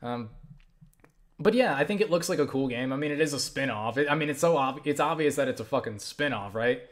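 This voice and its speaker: Speaking a little fast at medium pitch, this young adult man fields viewer questions in a laid-back vlog. His answers wander and are full of profanity, with lively energy and frequent false starts.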